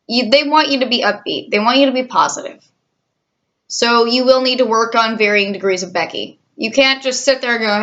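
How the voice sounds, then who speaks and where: A woman's voice: on the high side, bright, forceful tone, dull audio. A woman in her twenties who works in a call centre, chatting candidly with a sarcastic, cynical edge. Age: 20s. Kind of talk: casual vlog chat.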